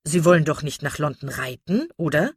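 Woman playing hearty country gentleman, loud and pushy, low husky tone, audiobook. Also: expressive, brisk, no room sound, clean studio sound. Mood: insistent. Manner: loud, insistent.

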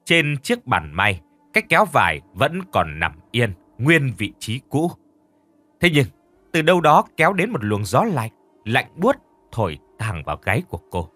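Man, audiobook narrator, animated pitch, faint background music, dramatic ghost-story reading. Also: normal speed, no room sound.

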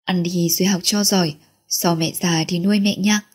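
A woman voicing a loud-mouthed, fiercely protective working mother in an audiobook, husky and mellow. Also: lowish voice, fairly even intonation, moderate pace. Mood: coaxing.

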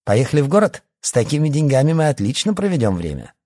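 Guy doing a spoiled high-school girl, squeaky and loud, dry close sound. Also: very animated, quick pace, dry recording. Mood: eager. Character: spoiled teenage girl, pushy and vain. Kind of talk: audiobook character voice.

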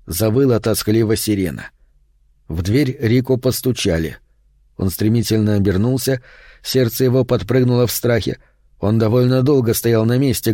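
Dark-voiced male horror narrator. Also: mid-range voice, no room sound, studio quality. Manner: steady, measured storytelling. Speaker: audiobook narrator.

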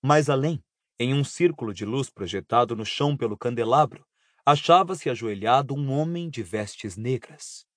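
A man narrating an audiobook in a steady, even storytelling voice. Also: mid-range voice, moderate pace, dry recording, clean studio sound. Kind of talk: scripted narration.

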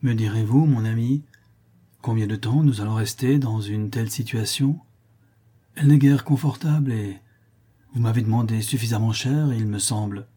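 A man voicing a slow, soft-spoken father. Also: mid-range voice, slightly rough, lightly acted. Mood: calm. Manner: slow, detached words, never raises voice. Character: soft-spoken, deliberate middle-aged father.

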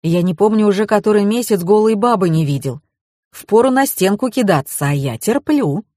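A man's voice: lively intonation, darkish tone, dry recording, clean studio sound. A woman reading an audiobook, voicing a blunt, bossy young man who talks curtly and sternly. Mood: gruff. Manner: curt and stern, lower and slower.

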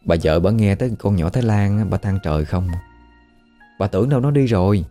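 Low, dark-voiced Southern Vietnamese man. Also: expressive, fairly quick, faint music behind. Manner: chatty, conversational retelling with quoted voices. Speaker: storyteller. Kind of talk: casual horror storytelling.

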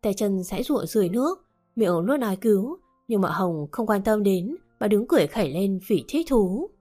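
A woman narrates a story. Her reading is steady and dramatic, at an ordinary pitch. Quiet music plays underneath. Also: moderate pace. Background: soft background music.

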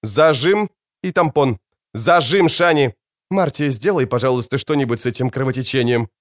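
A man voicing a determined male field surgeon who gives sharp, urgent commands. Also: mid-range voice, normal speed, lightly acted.

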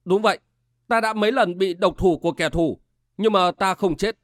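A man's voice: sits high, moderate pace, dry recording, clean studio sound, natural voice. A man voicing an agitated young nobleman who speaks urgently and commandingly.

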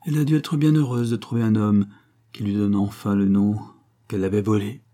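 A man's voice: fairly low pitch, steady tone, fairly quick, dark tone, natural voice. A man reading an anxious, sorrowful noble mother in an audiobook, in a sighing, lamenting way.

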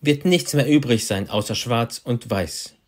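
A man's voice: medium pitch, unhurried. A man interpreting a sermon, repeating each of the preacher's phrases right after him.

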